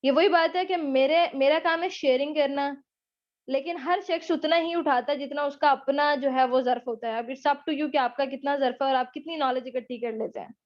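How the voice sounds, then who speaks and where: A high-pitched woman with a Pakistani accent leads a live online English lesson and takes questions. She teases and encourages her students in a chatty way, slipping English phrases into her Urdu. The audio is dull and lo-fi, like a web session. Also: normal speed. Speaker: spoken English teacher. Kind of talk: live online class lecture with Q&A.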